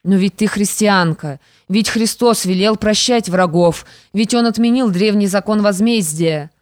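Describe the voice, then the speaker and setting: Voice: medium pitch, a little slow, dry recording, clean studio sound, lightly acted. An audiobook reader voicing a once-proud stepmother who now speaks bitterly and pleads. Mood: pleading, bitter.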